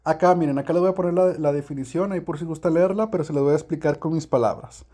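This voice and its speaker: A man explaining a language lesson in a casual, chatty way, with many fillers and soft laughs. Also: fairly high pitch, fast talker. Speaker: English teacher.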